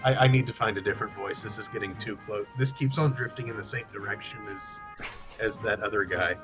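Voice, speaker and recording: A man's voice: lowish voice, fairly quick, music in the background. A middle-aged man chatting casually on a live game stream.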